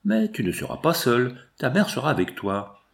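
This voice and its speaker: A man's voice: medium pitch, sing-song, normal speed, creaky. A man voicing a stern, commanding father who gives firm orders in an audiobook. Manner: firm, authoritative.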